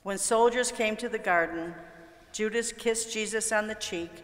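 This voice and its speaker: A woman narrating a Bible story for children, clear and gentle, at an ordinary mid pitch. Her voice echoes strongly around a church sanctuary, with a long reverb tail. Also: moderate pace.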